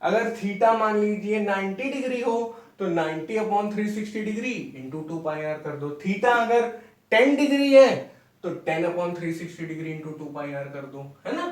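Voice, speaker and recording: A man's voice: high voice, distant mic. A young adult man teaching maths, explaining step by step and checking in with his students. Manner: explains step by step, asks "ठीक है?" often. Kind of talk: classroom lecture at a board. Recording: echoey room, mic away from speaker.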